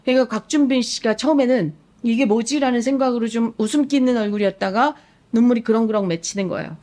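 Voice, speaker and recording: A woman's voice: fairly high pitch, quick pace, warm tone. Woman coach telling a moving story. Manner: retells a TV scene vividly, acting out quoted lines; emotionally engaged, admits crying at the scene. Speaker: psychological coach. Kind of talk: live-stream storytelling talk.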